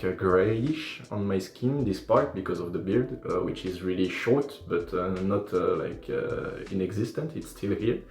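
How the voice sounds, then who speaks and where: A young man with a French accent and a fairly low voice chats loosely through a livestream as he works, rambling, restarting his sentences and poking fun at himself. The room is echoey and faint music plays in the background. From France. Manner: relaxed, rambling, self-deprecating, many fillers and restarts. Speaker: cosplayer and makeup livestreamer. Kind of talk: casual livestream chat while doing makeup. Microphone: phone or tablet livestream.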